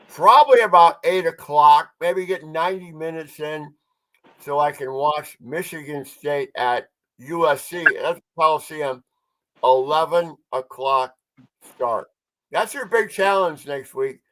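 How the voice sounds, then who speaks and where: A man's voice: fairly high pitch, a bit bright, poor audio. A man co-hosting a casual sports podcast, talking with mumbled articulation as if he had marbles in his mouth.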